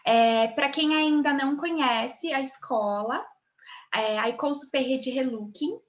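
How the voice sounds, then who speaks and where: A woman's voice: sits high, measured pace. A woman, teaching an online image consulting class over a video call. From Brazil. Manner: friendly greeting of students, then lecturing. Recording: dull lo-fi video call audio.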